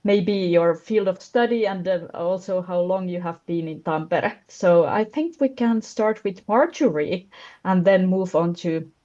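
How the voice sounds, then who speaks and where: Brisk woman leading a video call panel. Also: fairly low pitch, darkish tone. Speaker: session moderator. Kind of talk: online info session hosting. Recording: dull video call audio.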